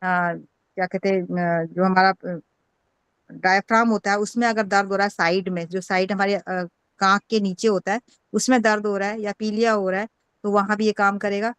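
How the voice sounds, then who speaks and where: A woman's voice: medium pitch, steady tone, normal speed, a bit bright, clear, resonant tone, no room sound. Give me a woman teacher reading and explaining course notes to students. Her voice sits in an ordinary middle range and sounds close and dry. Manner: explains in Hindi with English readouts, many fillers. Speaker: acupressure teacher. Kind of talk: online class lecture.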